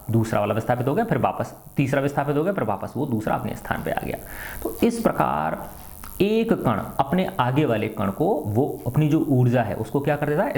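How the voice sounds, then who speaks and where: Gravelly man teaching a science lesson. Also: mid-range voice, a little mellow. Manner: asks and answers his own questions, repeats "है ना". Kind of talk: classroom lecture to students.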